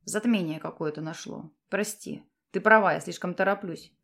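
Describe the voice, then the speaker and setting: A woman voicing a low, hushed noble commander. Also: brisk. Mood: tender. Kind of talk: audiobook character voice.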